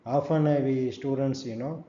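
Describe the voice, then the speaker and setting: A man giving a recorded lecture, explaining step by step, often checking with "right?" and pausing on fillers. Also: medium pitch, fairly even intonation, dark tone. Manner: many "uh" fillers. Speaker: forensic medicine lecturer. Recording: dull echoey room recording, faint hum.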